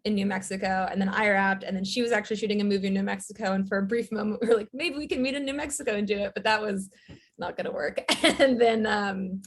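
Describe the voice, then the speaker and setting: Speaking fast in a mid-range voice, a writer-director chats casually as an interview guest. Her storytelling wanders, and she leans often on filler words.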